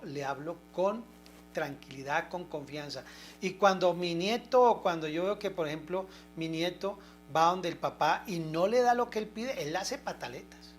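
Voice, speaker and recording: A woman's voice: fairly low pitch, slight background noise. Older woman preaching homely sermon. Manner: homely, chatty, often checks listeners understand. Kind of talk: informal sermon.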